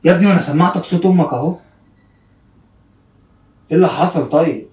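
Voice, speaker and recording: A man's voice: fairly high pitch, fast talker, a little mellow. A young man with an Egyptian accent, pleading and apologizing anxiously, repeating himself over and over in a casual prank vlog. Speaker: prankster vlogger. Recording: roomy sound from a distance.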